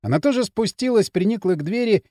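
A man narrating an audiobook with an expressive, animated reading. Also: high-pitched, fast, no echo, clean studio sound. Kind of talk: scripted narration.

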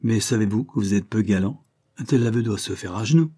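A man's voice: on the low side, a little fast, mellow, slightly rough. A man reading an audiobook, voicing a proud, capricious young noblewoman who talks in a mocking, imperious way.

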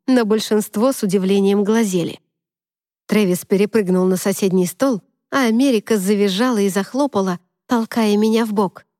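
A woman narrating a novel in the first person, in an even, measured storytelling voice. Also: mid-range voice, no room sound, studio quality. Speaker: audiobook narrator.

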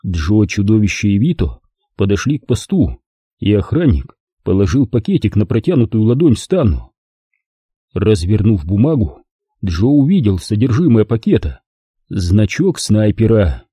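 Casting note: expressive male audiobook narrator, dark husky tone. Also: lowish voice, dry recording, studio quality. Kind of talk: scripted narration.

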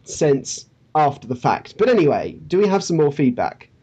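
A man's voice: on the high side, sing-song, normal speed, a little mellow, breathy edge. A man co-hosting a podcast in casual, joking chat with his co-host, often laughing. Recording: dull lo-fi audio.

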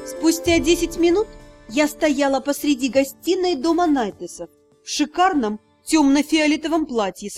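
A woman with a high, light voice reads a fantasy novel aloud. She narrates in a lively, engaged way and slips into character voices for the dialogue. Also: dry recording. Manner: lively, voicing each character in turn. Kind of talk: scripted audiobook narration.

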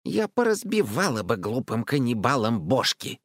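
A man's voice: medium pitch, very animated, normal speed, dry recording, clean studio sound. Grumpy feisty little girl, mutters a lot, reader doing her. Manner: muttering, grumbling.

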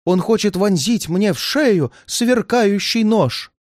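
Man doing a shrill, panicky old man. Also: expressive, slow pace, no echo, studio quality. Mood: frantic, fearful. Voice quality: shrill, shaky, pleading. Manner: frantic outbursts, near tears. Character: frightened paranoid old man, shrill and tearful.

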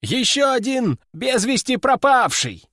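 A man's voice: very high-pitched, very animated, measured pace, fairly bright tone, no echo, clean studio sound, pitched above the performer's own voice, full character voice. A man voicing a dutiful army sergeant giving a formal report.

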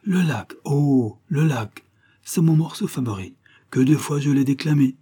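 A man's voice: medium pitch, animated, a little slow, warm tone, husky, voice pushed up. A man voicing a vain, showy young Parisian man who declaims poetry in a self-satisfied, half-mocking manner. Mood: showing off.

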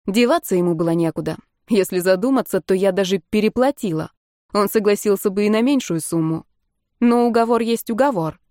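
A woman reading a first-person audiobook in a steady, measured way. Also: mid-range voice, no echo, clean studio sound. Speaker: audiobook narrator.

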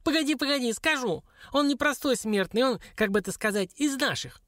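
A man reading an audiobook, voicing a sly, whiny little dwarf with a piercing, squeaky screech. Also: lively intonation, brisk, fairly bright tone, no room sound, studio quality. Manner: wailing, pleading and cursing by turns. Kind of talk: audiobook character voice.

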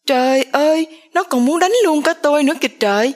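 A woman voicing a quarrelsome stepmother who complains loudly. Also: moderate pace, lightly acted. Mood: angry. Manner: shrill, loud, complaining.

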